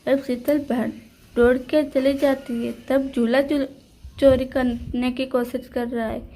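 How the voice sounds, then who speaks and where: A woman's voice: high-pitched, flat delivery, measured pace, mellow, slight background noise. A woman narrating a homemade doll story in a simple, plain way.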